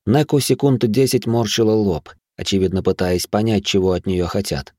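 A man's voice: fairly low pitch, normal speed, darkish tone, dry recording. A man narrating a first-person audiobook in a dry, wry storytelling manner.

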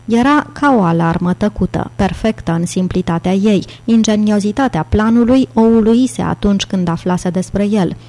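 Mellow woman narrating an audiobook. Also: mid-range voice, hardly any pauses.

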